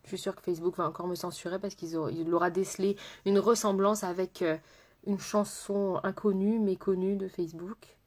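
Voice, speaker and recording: A chatty woman hosts a live makeup stream, talking to her viewers as she works. She greets them by name, repeats her phrases, and at times slows down into a soft, almost hypnotic murmur. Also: mid-range voice, fairly even intonation. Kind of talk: casual live-stream chat while doing makeup.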